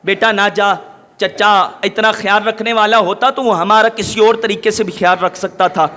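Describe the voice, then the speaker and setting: A man preacher voicing a poor widowed mother who begs her son, in a soft pleading tone. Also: high-pitched, steady tone. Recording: long hall reverb.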